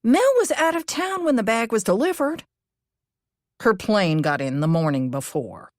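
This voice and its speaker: A woman narrator voicing a calm, cautious man who explains things in a measured way in a cozy mystery audiobook. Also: medium pitch, dry recording, studio quality, lightly acted. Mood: careful.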